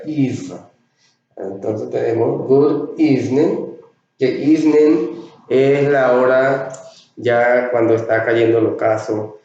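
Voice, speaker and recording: A man teaching a classroom lesson, speaking slowly and patiently. He draws out the words he wants the students to learn and keeps asking whether they follow. His voice sounds far from the mic in a very echoey room, with a dull, muffled tone. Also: on the low side, vocal fry, darkish tone. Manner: slow, explanatory, repeats key words drawn out and checks with "ok?". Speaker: English teacher. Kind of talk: classroom lesson explaining English greetings in Spanish.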